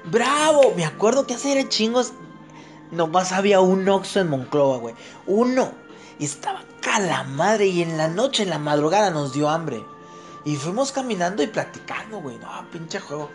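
A man, hosting a podcast and telling an anecdote in a slangy, animated way. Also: moderate pace, faint music behind. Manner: slangy, animated, shifts into high squeals when quoting others. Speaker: podcast host. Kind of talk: casual storytelling chat.

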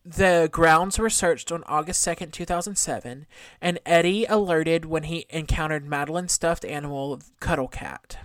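A woman's voice: sits low, normal speed, no room sound. A woman hosting a podcast, telling a true-crime story from notes in a conversational way, with casual asides and some trouble pronouncing her Rs. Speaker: podcast host.

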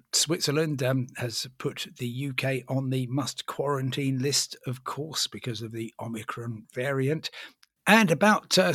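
A man's voice: mid-range voice, a bit bright, husky, no room sound, studio quality. A man co-hosting a podcast about travel, reading listener messages and telling his own stories with wry understatement. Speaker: podcast co-host. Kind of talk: casual podcast chat.

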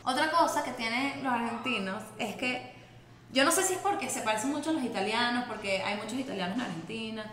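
A woman, co-hosting a casual chat and asking lively questions. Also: on the high side, brisk, echoey room, a little hiss or hum. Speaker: co-host.

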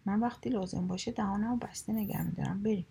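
A woman's voice: mid-range voice, fairly even intonation, vocal fry, dark tone, breathy edge. A woman voicing a proud, talkative male water turtle in a children's storybook, speaking boastfully and snappishly.

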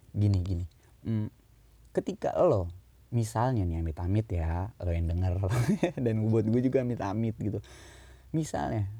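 A young man giving casual relationship advice in slangy chat, his pitch jumping up when he stresses a point. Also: mellow, slightly rough, no echo.

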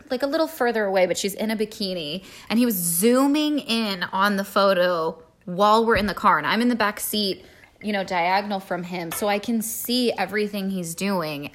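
Lively woman co-host, clear bright tone, casual and chatty. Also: mid-range voice, moderate pace. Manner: laughs easily, lively storyteller. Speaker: podcast co-host. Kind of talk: casual chat.

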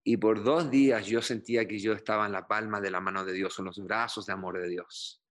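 In an interview testimony, a middle-aged Chilean pastor with a low voice shares his story earnestly. He pauses frequently and restarts sentences with fillers, keeping a steady, fairly bright tone.

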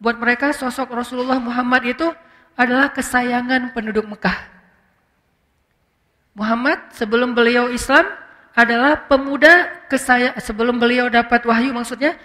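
A man preaching a casual sermon to young people, telling stories and softly acting out quoted speech. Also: extremely high pitch, normal speed, long pauses. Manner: storytelling, quietly acts out quoted speech. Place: large mosque hall. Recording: long hall reverb.

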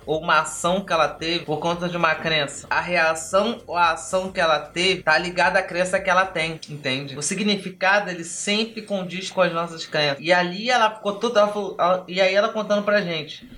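A man hosting a podcast who tells a story in a lively way and acts out the dialogue. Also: sits high, fairly quick, slight background noise. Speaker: podcast host and trainer. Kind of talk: storytelling talk.

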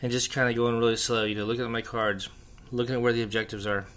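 Flat-pitched man chatting in an echoey bunker room. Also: quick pace. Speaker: podcast host. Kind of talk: casual solo hobby chat, unscripted. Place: echoey indoor room under renovation, torn-out walls.

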